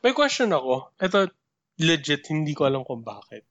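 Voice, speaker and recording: A man's voice: a little high, very animated, normal speed, a bit bright, dry recording, muffled recording. A man with a Filipino accent co-hosting a casual podcast, asking questions and mixing Tagalog and English. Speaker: podcast co-host.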